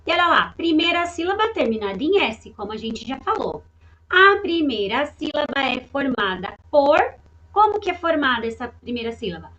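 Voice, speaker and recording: High, bright-voiced woman teaching slowly. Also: very animated, lo-fi sound. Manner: patient, repeats words and checks understanding. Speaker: primary school teacher. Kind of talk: online class lesson for young children.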